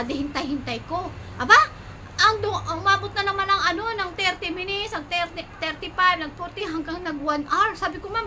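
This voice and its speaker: A high, bright-toned middle-aged woman from the Philippines talks straight to her viewers in a casual vlog. She recounts events in an animated way, switching between herself and the other side. Faint noise hums under her voice. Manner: animated retelling, acts out both sides of chats. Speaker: vlogger.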